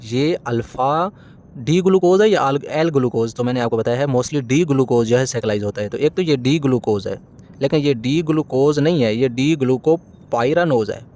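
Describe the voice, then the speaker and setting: A man's voice: medium pitch, moderate pace, a little mellow. A man lecturing on chemistry, walking through a diagram, asking his students questions and answering them himself, often stopping to correct his own slips. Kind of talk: classroom lecture explaining a diagram.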